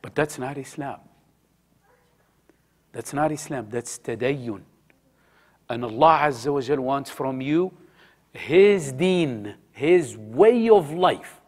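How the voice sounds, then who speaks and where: A man's voice: medium pitch, lively intonation, slow pace, pauses often, a little mellow. A man teaching a religious study circle in a conversational way, asking his listeners questions, repeating key phrases and mixing in Arabic words. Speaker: halaqa teacher.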